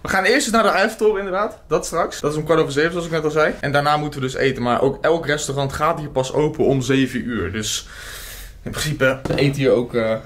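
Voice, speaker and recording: A man's voice: a little high, quick pace, a bit bright. A man in his twenties with a Netherlands Dutch accent, chatting casually to his vlog camera in an informal way, repeating short phrases. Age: 20s. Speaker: vlogger. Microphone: handheld camera at arm's length. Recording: clear background noise, traffic ambience.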